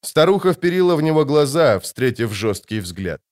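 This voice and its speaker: Man narrating an audiobook, fairly high voice. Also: big pitch swings, normal speed. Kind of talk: scripted literary narration.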